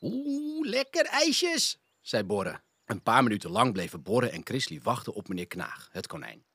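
A man narrating a children's storybook in an expressive manner. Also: sits low, normal speed, slightly rough, no echo, clean studio sound. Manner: animated, expressive.

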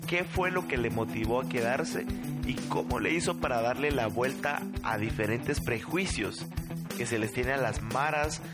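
Narrator: man, mid-pitched, measured storytelling, loud guitar bed underneath. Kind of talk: scripted narration over music. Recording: loud guitar music behind the voice.

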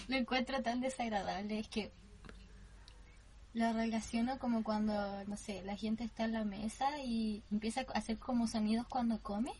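A woman's voice: on the high side, fairly even intonation. Young woman, podcast co-host, emphatic exclaiming, background hiss. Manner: emphatic, exclaiming, quick to protest. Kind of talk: casual podcast chat.

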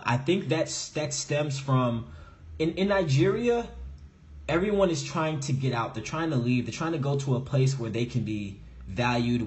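A young man joins a video call as a guest and answers questions in a relaxed, explanatory way. He often fills gaps with "you know" as he talks through his points. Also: mid-range voice. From United States. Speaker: guest, real estate investor.

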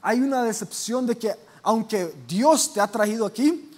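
A man's voice: high-pitched, unhurried. A young man preaching a sermon in a conversational way, asking the audience questions and acting out quoted voices. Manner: conversational, asks the audience questions, many fillers.

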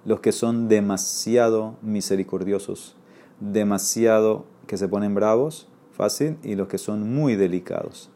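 A man's voice: on the low side, unhurried, dark tone. A man teaching a Talmud class, reading Aramaic and explaining it in Spanish, often checking with his listeners. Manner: reads Aramaic then explains in Spanish, asks "¿ok?".

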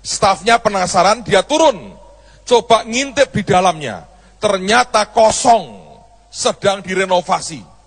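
Man, pastor, storytelling sermon, husky high voice, long hall echo. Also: animated, measured pace. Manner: storytelling, acts out dialogue with shifting voices.

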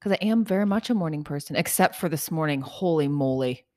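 A woman's voice: deep voice, expressive, quick pace, dark tone. A woman in her late thirties co-hosting a podcast in casual chat, playful and exclamatory. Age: 30s. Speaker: podcast co-host.

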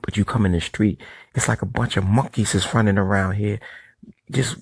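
A man's voice: on the low side, steady tone, moderate pace, gravelly, slightly rough, no room sound. A man giving a casual monologue to camera, blunt and profane, in street talk that keeps checking in with "right?". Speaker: vlogger.

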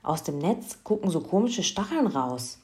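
A woman's voice: on the low side, sing-song, normal speed, a little mellow. A woman voicing a worried young girl in a children's story.

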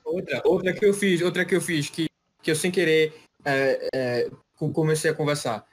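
A young man with a somewhat high voice talks loosely in casual chat. He rambles in slang and restarts his thoughts often. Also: steady tone, normal speed.

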